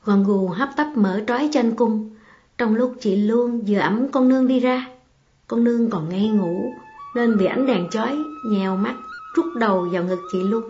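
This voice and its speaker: A woman narrating an audiobook in a measured, emotive reading. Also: a little high, a little mellow. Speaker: audiobook reader. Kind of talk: storybook narration. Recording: slightly muffled, faint music behind.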